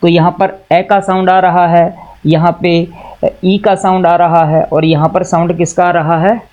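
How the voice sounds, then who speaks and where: A man's voice: high voice, little pitch movement, measured pace, narrow, tinny audio. A male teacher with an Indian accent explaining a lesson, asking questions and answering them himself, mixing Hindi and English. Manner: repeats and recaps patiently. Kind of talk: classroom lesson.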